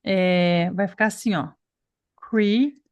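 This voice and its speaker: A woman's voice: medium pitch, normal speed, dry recording, highs cut off. A woman from Brazil teaching an online English pronunciation class, explaining patiently and checking in with her students often.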